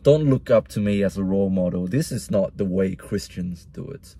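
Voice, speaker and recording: A young man from Vietnam with an accent that mixes Vietnamese and Australian sounds. His voice sits fairly low, mellow and a little husky. He thinks out loud in a casual vlog, rambling and circling back over the same words. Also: moderate pace, no room sound. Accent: Vietnamese-Australian mix. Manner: soul-searching, rambling, repeats himself. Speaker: vlogger. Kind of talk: casual personal monologue.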